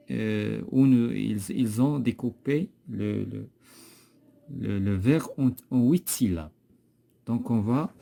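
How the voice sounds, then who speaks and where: A male teacher with a Moroccan accent leads a classroom poetry lesson. He speaks slowly and patiently, repeating and correcting his pupil's answers. His voice is very dark and a little husky. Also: medium pitch.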